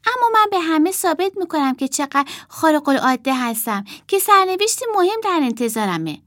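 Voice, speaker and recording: A proud young boy from a storybook, as a woman reader puts him on, speaking in a high, swooping voice that keeps climbing as he insists he will prove himself. The reading is close and dry, with no room around it. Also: very animated, no room sound. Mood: earnest. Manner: earnest, boastful, rising to shouts.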